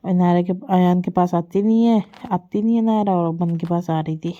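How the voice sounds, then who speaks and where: Low, flat-voiced mother narrating home clips. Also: normal speed, lo-fi sound. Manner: chatty, doting, repeats herself as she narrates family clips. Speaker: family vlogger, mother. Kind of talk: casual vlog voice-over narration.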